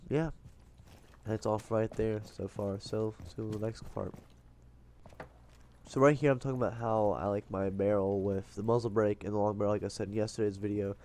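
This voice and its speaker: A man's voice: fairly low pitch, mellow, slight background noise. A man with a blocked, congested nose, breathing through his mouth, gives casual, rambling gameplay tips as a voice-over. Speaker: gaming video host. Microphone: voice-over dubbed onto game footage.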